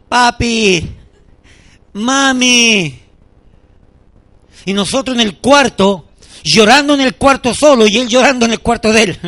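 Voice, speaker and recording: A middle-aged man preaching a sermon as pastor, telling lively anecdotes and acting out the people in them. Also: very high voice. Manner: animated storytelling preacher, voices the people in his anecdotes.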